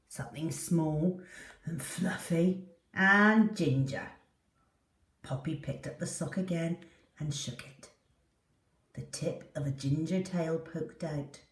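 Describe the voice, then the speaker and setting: Reading a children's story with dramatic, theatrical flair, a woman speaks slowly in a lowish voice. The mic is far from her, and the room echoes.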